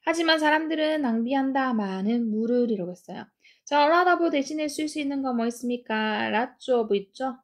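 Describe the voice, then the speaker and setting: A woman teaching English grammar with a slightly raised pitch and a gravelly edge. She explains each sentence step by step and slows right down for the English lines. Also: lively intonation. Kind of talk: grammar lesson.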